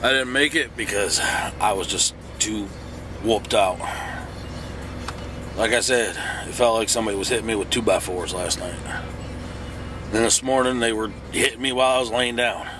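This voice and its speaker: A man's voice: fairly low pitch, normal speed, pauses often, background noise. A middle-aged man, sick and groggy as if hungover, talks casually in a folksy, plainspoken way as a truck driver vlogging. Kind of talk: casual vlog talk. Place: truck cab.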